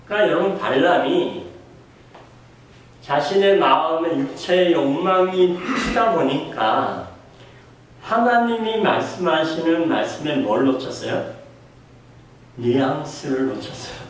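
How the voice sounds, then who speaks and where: A man's voice: fairly high pitch, animated, a little slow, pauses often, a little hiss or hum. A man preaching a sermon as a pastor, putting questions to the congregation and acting out the voices he quotes. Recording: echoey room heard from a distance.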